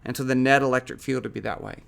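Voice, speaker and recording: A man's voice: mid-range voice, steady tone, quick pace, vocal fry. A man hosting a physics coding tutorial, talking casually and thinking aloud with fillers and small self-corrections.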